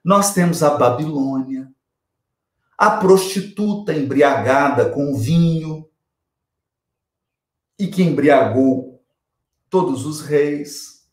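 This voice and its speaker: A man's voice: on the high side, slow, pauses often, darkish tone, reverberant. A Brazilian man giving a spiritual lecture on scripture, emphatic, repeating key phrases and asking rhetorical questions.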